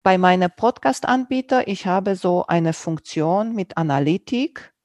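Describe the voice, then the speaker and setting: This is a fairly low, dark-toned female voice, expressive and a little slow, captured dry. She guests on another podcast and casually discusses the one she hosts, speaking German, not her first language, with a Romanian accent. Her sentences wander as she hunts for words, and the grammar slips in non-native ways.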